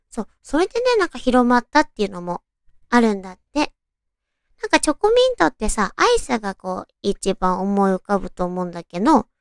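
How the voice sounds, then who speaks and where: A woman with a cute, girlish anime-girl voice hosts a casual radio talk. Her pitch sits high and moves in very animated swoops, with creaky fry in places. The sound is dry and close, as she talks to listeners like friends. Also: dry recording. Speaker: radio show host.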